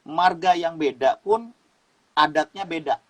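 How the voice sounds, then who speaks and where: This Sumatran man, a guest youth speaker on an informal talk show, has a slightly high voice and a measured pace. Preaching as he explains, he repeats phrases and laughs throughout. Recording quality is rough.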